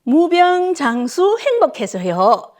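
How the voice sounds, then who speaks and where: A woman instructor leading older students through a clapping exercise class, cheerful and counting out loud with sharp shouts. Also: very high voice, sing-song, slow.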